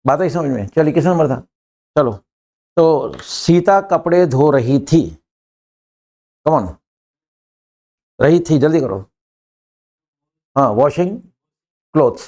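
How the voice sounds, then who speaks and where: An older man teaching an English class in a classroom, brisk and joking, pushing students to answer quickly. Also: fairly high pitch, mellow.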